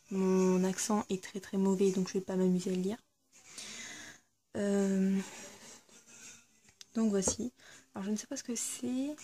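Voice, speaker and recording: Woman unboxing stuff on camera, warm soft voice, lots of umms and restarts. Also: mid-range voice. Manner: hesitant, with frequent fillers and self-corrections. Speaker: YouTuber reviewing a subscription box. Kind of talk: casual unboxing vlog.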